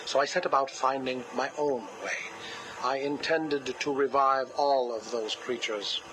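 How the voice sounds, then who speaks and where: As an interview subject, an actor voices a cold, grieving, obsessive male scientist, delivering his lines slowly, with control and mourning. His voice is mid-range with fairly even intonation, and it's heard played back from a hissy cassette tape recording.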